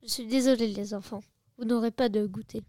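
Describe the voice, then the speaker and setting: A woman's voice: on the high side, steady tone, brisk, mellow, no room sound, studio quality, lightly acted. A woman voicing a clumsy male god who is a husband and father, in an amateur story reading. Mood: sheepish.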